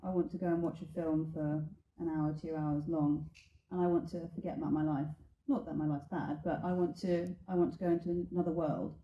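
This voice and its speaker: A woman's voice: low voice, flat delivery, a little fast, slight background noise. A woman on a film panel speaking in a sincere, reflective way. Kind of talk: panel answer. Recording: echoey, dull sound.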